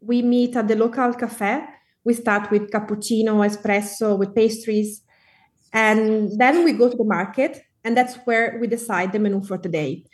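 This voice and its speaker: A woman with an Italian accent talking as an interview guest, relaxed and friendly with easy laughs. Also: on the high side, normal speed, distant mic. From Italy. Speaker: guest cookbook author. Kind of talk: casual interview chat.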